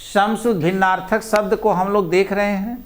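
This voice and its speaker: A male teacher with a fairly high voice lectures to a class. He speaks with a slight tinge. He is patient, drawing words out and repeating them so his students can follow. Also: steady tone. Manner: patient, repeats words slowly, addresses students as "babu" and "beta".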